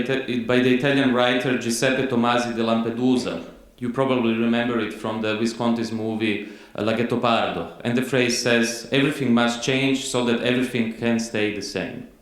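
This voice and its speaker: A Croatian-accented man gives a conference lecture in a measured way, pausing on frequent fillers. His voice sits at a middle pitch. The hall around him is very echoey. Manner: measured, frequent "uh" fillers, reads quotes slowly.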